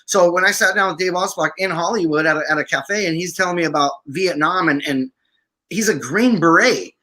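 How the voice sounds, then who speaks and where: Bright high-voiced man telling stories. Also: a little fast. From Syria. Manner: animated, acts out quoted speech. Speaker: podcast guest, veteran filmmaker. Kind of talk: interview storytelling.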